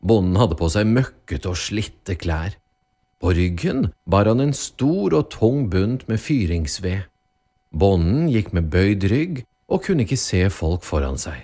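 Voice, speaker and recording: A man narrating a children's storybook radio play in a lively, drawn-out storytelling manner. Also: sits low, breathy edge.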